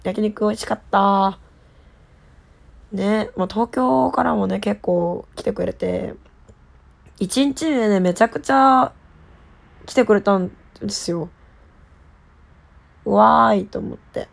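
Very creaky, nasal young-sounding idol woman chatting. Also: mid-range voice, takes it slowly, long pauses. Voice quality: nasal from a cold. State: slightly stuffy nose. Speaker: idol group member hosting her solo talk show. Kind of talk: casual solo chat to listeners.

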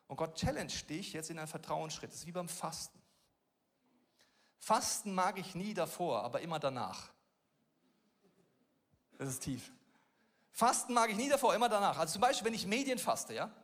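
A man preaching a sermon as a pastor, casual and slangy, emphatic, asking rhetorical questions and swinging between loud and soft. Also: on the high side.

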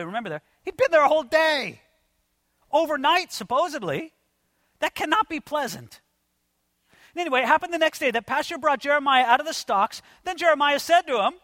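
A man preaching an expository sermon in an animated, conversational way, addressing his listeners as friends. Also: extremely high pitch, no room sound, studio quality. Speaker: pastor.

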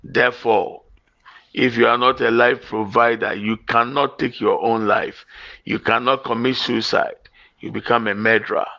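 A dull, lo-fi recording of a Ghanaian man whose first language is Twi, preaching as a pastor. His voice is gravelly and sits at a middle pitch. He exhorts listeners in short, emphatic phrases, repeating them as he urges and prays. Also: steady tone, moderate pace, bright, forceful tone. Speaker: pastor leading morning prayer. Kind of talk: exhortatory sermon mixing preaching and prayer. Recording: dull, lo-fi audio.

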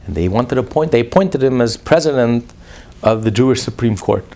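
A man preaching a sermon as a rabbi, emphatic, swinging between loud declarations and hushed asides. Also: medium pitch, lively intonation, fairly quick.

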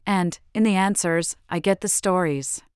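An older woman from Chile, an author answering interview questions in a measured, reflective way. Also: fairly low pitch, smooth, no room sound, clean studio sound.

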